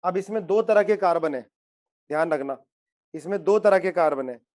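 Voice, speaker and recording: A man lectures a class on chemistry and keeps pressing his students to answer, repeating each question until they respond. His voice sits a little on the high side. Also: normal speed, darkish tone. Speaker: chemistry teacher.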